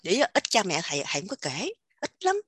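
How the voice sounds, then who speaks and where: A woman with a Southern Vietnamese accent giving an animated casual spiritual talk, repeating words in quick emphatic bursts. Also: mid-range voice, husky, dry recording, clean studio sound. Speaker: religious teacher sharing insights.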